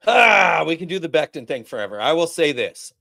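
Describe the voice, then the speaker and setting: A man's voice: a little high, fast talker, no room sound. Male sports podcast host, casual and fired-up, swears freely, dry close sound. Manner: animated, profane, rambling.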